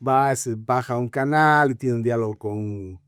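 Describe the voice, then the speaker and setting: Talking movies conversationally as a podcast co-host, this Bolivian Spanish–accented man has a smooth, mid-range voice and keeps pausing to find his words, sprinkling in filler tags. The sound is dry and clean, straight from a studio.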